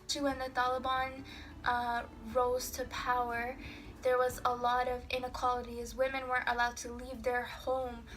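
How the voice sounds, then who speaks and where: A woman from Pakistan giving an informal book review, with frequent fillers and pauses. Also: a little high, monotone, fairly bright tone. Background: background music.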